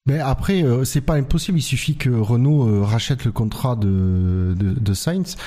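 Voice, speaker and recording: A man's voice: mid-range voice, moderate pace, dark tone. A man explaining his view in a casual panel discussion, feeling his way through sentences. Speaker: motorsport talk show panellist.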